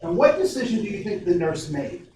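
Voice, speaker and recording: A diversity trainer from Ohio, USA, leads an interactive workshop talk in a big echoey room, energetically questioning the audience and often restarting his sentences. His voice is high-pitched and fairly quick. He sounds distant, the recording is very echoey, and there is faint noise.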